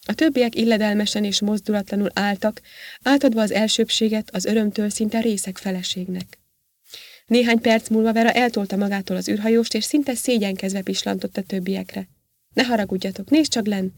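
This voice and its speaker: A woman's voice: medium pitch, steady tone, no echo. Woman narrating an audiobook, dry sound. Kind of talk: scripted narration.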